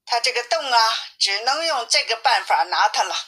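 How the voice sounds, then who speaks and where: A woman reads a classic tale aloud for listeners, clear and lively in her telling. Her voice is bright and ringing, pitched somewhat high. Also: moderate pace, rough recording. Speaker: storyteller. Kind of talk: audiobook storytelling for listeners.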